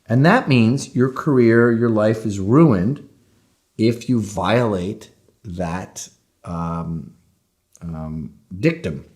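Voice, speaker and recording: A man's voice: fairly low pitch, very slow, a little mellow. A man speaking bluntly and animatedly as an interview guest, often acting out other people in mock voices. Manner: blunt and provocative. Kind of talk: casual interview talk.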